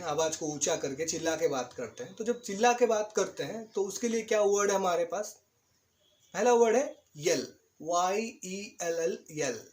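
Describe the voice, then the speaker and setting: A man's voice: high-pitched, a little mellow. A man teaching English vocabulary in a video lesson, explaining patiently, spelling words out letter by letter and checking in with the viewer.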